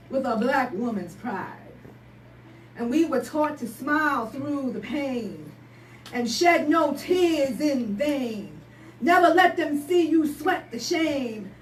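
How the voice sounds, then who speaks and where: Woman, spoken word poet, slow emphatic rhythm, echoey live room from afar. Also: high voice, far from the mic, a little hiss or hum. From Barbados. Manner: rhythmic, emphatic, rising to shouts. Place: live poetry night venue.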